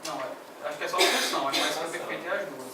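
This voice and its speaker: A male student answering the teacher's questions quickly in class. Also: fairly high pitch, crowd noise.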